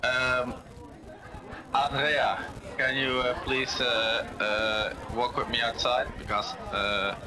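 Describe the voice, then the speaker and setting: A man talking casually and haltingly as a player in a tabletop role-playing game. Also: medium pitch, little pitch movement, a crowd in the background, low-quality recording. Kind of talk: casual in-character game chat. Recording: people chattering in background.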